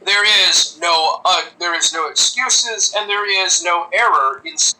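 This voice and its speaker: Bright-voiced man making a stiff legal-sounding complaint. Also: high-pitched, measured pace, rough recording. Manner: stiff, pseudo-legal wording. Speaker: man in a played clip. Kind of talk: formal complaint speech.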